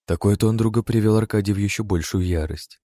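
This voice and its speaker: A man narrating an audiobook with a steady, expressive reading, close to the mic. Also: on the low side, brisk, dry recording.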